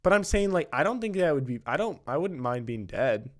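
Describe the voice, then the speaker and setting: A man's voice: on the high side, big pitch swings, brisk. A young man hosting a podcast in casual banter, rambling in slang and leaning on "like" and "dude". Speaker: podcast host.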